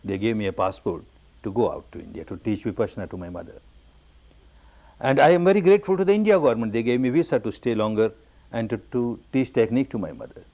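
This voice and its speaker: A man from Burma giving a meditation discourse, telling his own story with repeated, emphatic phrases that jump up high on the key words. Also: sing-song, fast, vocal fry, dark tone. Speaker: meditation teacher.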